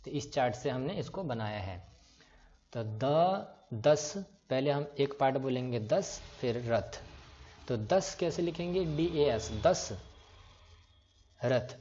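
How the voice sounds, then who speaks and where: A man's voice: mid-range voice, expressive, slow pace, warm tone. A man teaching an online class, patiently breaking words apart and spelling them letter by letter. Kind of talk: online class on writing names in English letters. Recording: slightly dull lo-fi recording.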